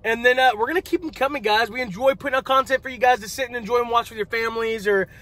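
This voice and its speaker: A man's voice: very high voice, very fast, pushed and bright. A young man of about eighteen, talking earnestly to viewers from a parked car and urging them to subscribe, filmed on a phone. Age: late teens. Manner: earnest, preachy at times, plugs the channel. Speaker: vlogger. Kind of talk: casual vlog chat. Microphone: phone camera held on the dashboard.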